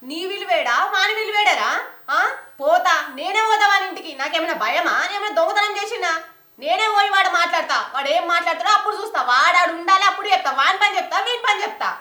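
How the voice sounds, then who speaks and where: A woman's voice: very high-pitched, expressive, fast, pushed and bright, echoey room, heavily acted. An actress playing an anxious, tearful village mother who scolds her family, speaking with a Telangana accent. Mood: defiant. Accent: Telangana Telugu. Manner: weepy, scolding.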